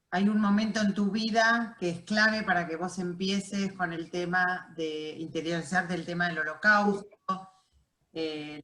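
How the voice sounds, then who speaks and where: A woman interviewer asks her guest questions in a fairly low voice. She prompts the guest and pauses on fillers while searching for words, and her voice sounds roomy and echoey. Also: a bit bright. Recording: echoey room.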